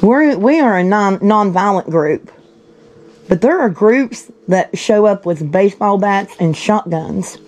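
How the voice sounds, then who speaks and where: A woman's voice: medium pitch, animated, unhurried, darkish tone, low-quality recording. A woman in a heated confrontation, bluntly scolding and interrogating a man. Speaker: vigilante group confronter.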